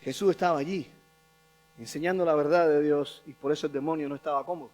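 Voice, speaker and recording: A man's voice: fairly high pitch, fairly even intonation, fast, a little mellow. A male pastor preaching a sermon, emphatic and repeating key phrases for stress.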